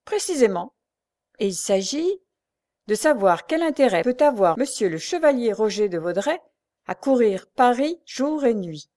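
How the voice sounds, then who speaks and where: A woman's voice: fairly high pitch, very animated, darkish tone, voice pushed up. A woman reading aloud and voicing a sly male police agent who teases and drags things out. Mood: teasing. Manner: teasing, unhurried, mocking.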